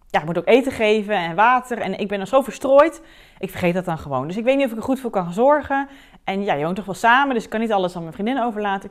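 A woman coach speaking straight to the listener in a podcast monologue, frank and direct, acting out the things her client and she herself said. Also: mid-range voice. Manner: direct, animated, acts out client and herself in quotes.

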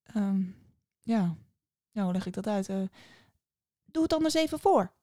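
A woman's voice: medium pitch, expressive, a little slow, warm tone, dry recording, studio quality, natural voice. A woman playing an awkward, stammering girl. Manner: hesitant, full of ehm and stumbling. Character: timid, awkward young witch's daughter.

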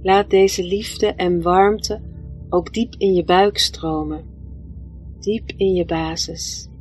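A woman leading a guided meditation in a soft, soothing, gentle voice, leaving long pauses between phrases. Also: lowish voice, fairly even intonation. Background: music.

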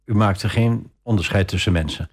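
Male interviewer, somewhat deep pitch, measured and courteous delivery of prepared questions.

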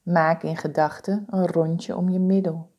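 A woman leading a guided body-scan meditation, giving calm, soothing, deliberate instructions with pauses. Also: fairly low pitch, breathy edge, dull audio.

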